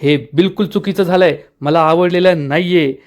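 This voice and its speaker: A man's voice: steady tone, moderate pace, close to an everyday voice. A man voicing a meddling middle-aged mother who complains indignantly. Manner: indignant, complaining, raised pitch.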